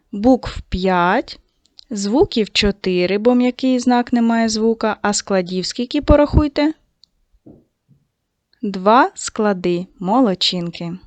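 A woman teacher giving a video lesson to second graders, speaking slowly and patiently and addressing the children directly. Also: mid-range voice, no room sound. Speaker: primary school teacher.

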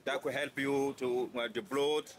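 A middle-aged man with a West African accent chatting casually on a city street, halting and repeating words, recorded on a phone held at arm's length. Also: mid-range voice, fairly even intonation, slight background noise. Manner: halting, repeats words, drops religious phrases. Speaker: vlogger's husband. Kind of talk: casual chat.

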